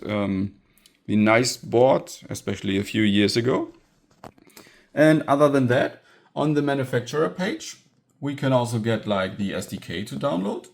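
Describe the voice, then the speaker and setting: An electronics hacker presents his own project in a casual hands-on tech tutorial, thinking aloud as he demonstrates. His voice is fairly low and gravelly.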